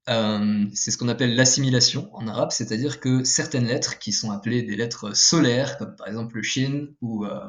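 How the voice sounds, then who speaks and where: A man giving a casual video lesson, explaining step by step with frequent fillers and self-corrections while drawing with a pen. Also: medium pitch. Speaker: language teacher.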